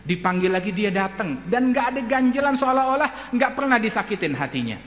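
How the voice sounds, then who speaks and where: A man delivers a sermon in a fairly high voice, swinging between loud, lively bursts and low, quiet asides as he acts out each story. His voice rings through a large, echoing hall with a long reverb tail. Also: fairly quick. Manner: animated, acts out voices in stories. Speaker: preacher. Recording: echoey hall.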